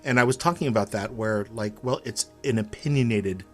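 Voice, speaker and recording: A man co-hosting a casual coding stream, explaining in a hesitant, halting way with many ums, with faint music behind. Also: lowish voice. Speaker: co-host developer. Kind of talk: casual chat.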